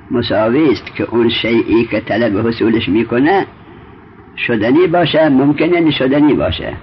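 A medium-pitched man leads a step-by-step lesson in traditional Arabic grammar, pausing to question his student. The recording is muffled and lo-fi, with slight background noise.

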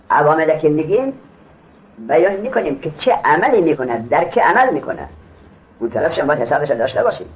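A man teaching Arabic grammar in a classroom lecture. He reads the text aloud, explains it in casual speech and quizzes his students. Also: on the high side. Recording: dull lo-fi recording.

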